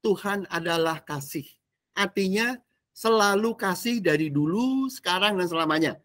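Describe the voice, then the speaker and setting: A male pastor teaches a discipleship class in a casual, animated sermon, often quizzing his listeners. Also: high-pitched, normal speed. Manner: casual slangy preaching, quizzing the audience, animated swings between loud and soft.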